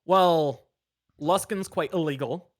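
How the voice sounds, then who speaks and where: Dude running a tabletop game, kinda high voice, rambly with lots of ums. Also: male voice, slow pace. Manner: rambling, hesitant, many fillers. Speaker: game master.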